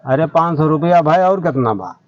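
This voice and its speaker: A man with an Awadhi accent talking in a breezy, sure-of-himself way as a village doctor in a comic sketch. His voice sits a little high for a man. The sound is muffled and lo-fi. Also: lively intonation, normal speed, a little mellow. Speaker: fake doctor in a comedy sketch. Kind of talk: rustic Awadhi comedy skit.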